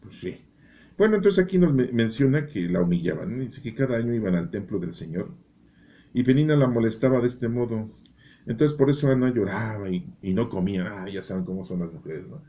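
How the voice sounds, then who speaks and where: A man's voice: lowish voice, animated, a little fast, dark tone. A man explaining a Bible chapter in a folksy, joking way, often tagging his remarks with a rhetorical question. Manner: folksy, joking, keeps asking "¿no?". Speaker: Bible teacher.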